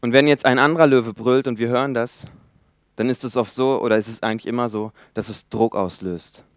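A man's voice: mid-range voice, fairly even intonation, brisk, dry recording, clean studio sound. Young male preacher with a resonant voice. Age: 20s. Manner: emphatic, swings between loud appeals and quiet asides. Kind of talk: sermon.

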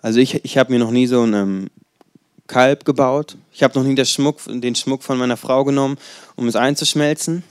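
Ein Mann in seinen Zwanzigern, der locker und erzählend predigt und dabei rhetorische Fragen stellt. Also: male voice, mid-range voice, steady tone, normal speed, smooth, dry recording, clean studio sound. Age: 20s. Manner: conversational, storytelling, rhetorical questions. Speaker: preacher. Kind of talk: casual sermon.

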